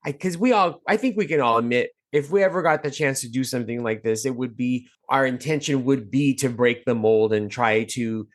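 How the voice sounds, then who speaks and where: A man at a middle pitch talks loosely in casual podcast chat, rambling from one thought to the next and dropping the odd curse. He is recorded in a car. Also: fairly quick, few pauses. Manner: chatty, rambling, swears casually. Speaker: podcast host.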